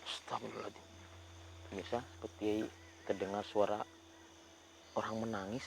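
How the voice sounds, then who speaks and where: A man, hosting a ghost-hunting video outdoors at night, talking in a hushed voice that turns into loud, urgent calls. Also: lowish voice, little pitch movement, normal speed, creaky, background noise. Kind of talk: hushed on-location paranormal narration.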